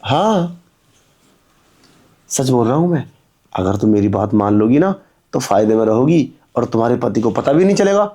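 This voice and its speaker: A man's voice: medium pitch, animated, moderate pace, pauses often, dark tone, lightly acted. A man playing a pushy young milkman who wheedles and insists in a melodramatic drama. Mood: persuasive. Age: young adult.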